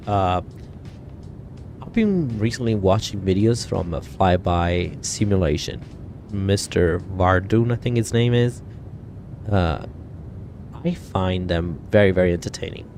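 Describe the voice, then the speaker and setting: A man's voice: lowish voice, lively intonation, a little slow, a little mellow, a little hiss or hum. A man from Italy, chatting casually on a flight sim stream, rambling and correcting himself often. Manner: rambling, many fillers and self-corrections. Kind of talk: casual live-stream chat.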